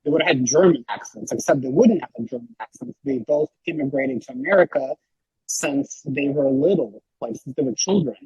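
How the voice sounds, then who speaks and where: A man talking as a podcast guest, rambling and animated, with lots of filler words and a husky voice. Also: mid-range voice, brisk, dry recording, dull audio. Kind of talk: casual podcast chat.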